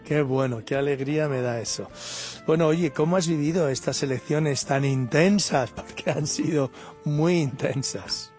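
Man, pastor, radio interview host, encouraging, fairly high voice, faint music behind. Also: moderate pace, a little mellow.

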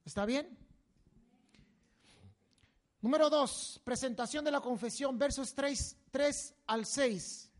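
A man preaching a sermon in an animated way, with sudden loud, emphatic bursts. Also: very high voice, slow pace, pauses often.

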